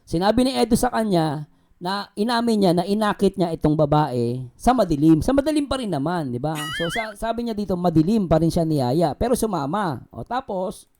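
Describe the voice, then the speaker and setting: A man's voice: sits high, lively intonation, normal speed. A man hosting a reaction video, commenting casually and jokingly with lots of fillers. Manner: chatty, joking, many fillers like oh and di ba. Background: background music.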